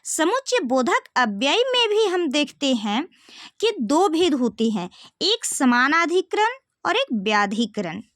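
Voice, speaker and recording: A young woman teaches grammar in a high, sing-song voice that swoops up and down as she asks her students questions. She talks slowly and stretches the key words. The recording is dry and close. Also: big pitch swings, fairly bright tone, no room sound. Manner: explains step by step, asks rhetorical questions to students. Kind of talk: classroom-style video lesson.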